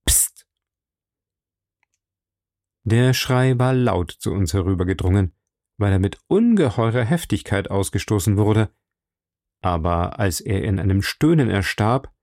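A man reading a story aloud as narrator, in a measured, dramatic storytelling manner. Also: lowish voice, creaky, darkish tone, no room sound, studio quality. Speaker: audiobook narrator. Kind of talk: scripted narration.

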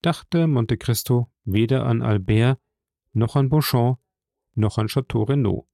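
A man narrating a classic novel as an audiobook, in a measured, deliberate reading. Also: medium pitch, vocal fry, warm tone, dry recording, studio quality. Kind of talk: scripted literary narration.

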